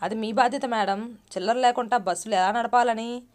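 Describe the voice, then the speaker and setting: A woman storyteller voicing a loud, quarrelsome male bus passenger who demands his ticket and boasts of his family's honour. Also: on the high side, steady tone, brisk, lightly acted. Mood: indignant, demanding. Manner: shouting, demanding, self-righteous.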